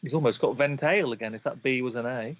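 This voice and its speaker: A man's voice: mid-range voice, quick pace, muffled recording. A man giving live game commentary, chatty and analytical as he breaks down each move.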